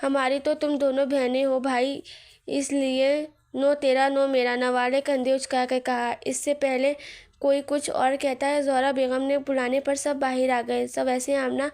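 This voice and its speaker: A woman reading a romantic novel aloud, voicing the quoted dialogue in her own voice at an even, unhurried pace. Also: sits high. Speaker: novel reader.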